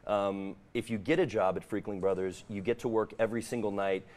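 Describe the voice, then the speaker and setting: A man's voice: on the low side, fairly quick, over a noisy crowd. A man being interviewed as a guest on a morning show, promoting his event and often restarting his phrases. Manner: hesitant promotional talk, repeating phrase starts. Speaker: guest, haunted house operator.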